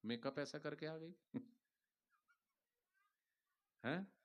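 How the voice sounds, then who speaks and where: A man's voice: fairly high pitch, lively intonation, drawn-out words. A man, a spiritual teacher, giving a devotional sermon to a gathering in a preachy, playful way, acting out little stories and leading the crowd in chants. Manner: preachy, playful, acts out anecdotes and leads chanting. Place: large outdoor religious gathering.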